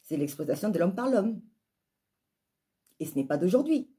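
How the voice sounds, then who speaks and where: Speaking to her viewers, a spiritual vlogger and life coach with a southern French accent argues her opinions emphatically, leaning on repetition and rhetorical questions. Her lowish voice swings widely in pitch at normal speed, warm with a breathy edge.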